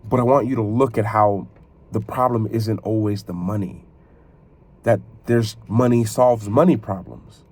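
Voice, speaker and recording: A man speaking to his viewers in a motivational vlog style, earnest and reflective, often halting and repeating phrases as he builds to rhetorical questions. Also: fairly low pitch, steady tone, a little mellow. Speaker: video creator and podcaster. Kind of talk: motivational talk addressed to viewers.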